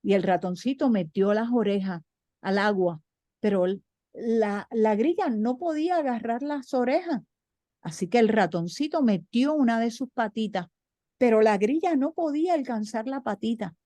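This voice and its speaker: A woman with a Puerto Rican accent telling a folk tale aloud, animated with rhythmic repetitions. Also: a little high, normal speed, dry recording. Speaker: storyteller. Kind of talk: oral folk storytelling.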